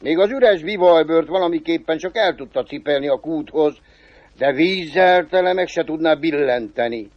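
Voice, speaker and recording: A man telling a folk tale in a lively way, shifting pace and pitch. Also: no room sound. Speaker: storyteller. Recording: dull, dry recording.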